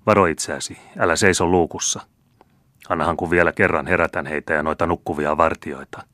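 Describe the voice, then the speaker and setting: A man voicing a gruff, harsh middle-aged bailiff who barks orders in a storybook reading. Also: low voice, steady tone, fairly bright tone, no echo. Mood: grim. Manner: barking orders, scornful.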